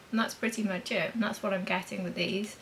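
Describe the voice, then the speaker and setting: A woman's voice: mid-range voice, steady tone, brisk, a bit bright, a little hiss or hum, rough recording. A woman demonstrating makeup in a chatty vlog, thinking aloud as she applies blush and powder. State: talking with a mint in her mouth. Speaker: beauty vlogger.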